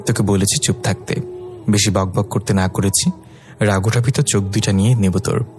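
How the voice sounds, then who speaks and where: Guy doing a bossy fiery fairy girl in a romance story, low-ish voice. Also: steady tone, fairly quick, over music, close to an everyday voice. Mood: scolding. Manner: scolding, bossy. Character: fiery, devoted young fairy woman.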